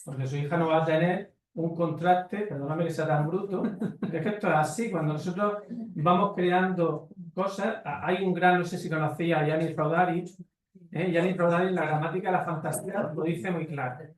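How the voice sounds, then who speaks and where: Heard from a distance in an echoey conference hall, a man with a high-leaning voice and fairly even intonation speaks briskly. He fields questions on a panel, lecturing emphatically and bluntly, often tossing rhetorical questions at the crowd.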